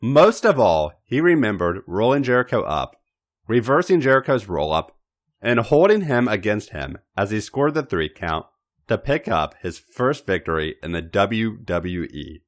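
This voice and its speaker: Narrating fan fiction as a podcast reader, a man with a fairly low voice speaks somewhat slowly. His expressive, emphatic delivery features big pitch swings.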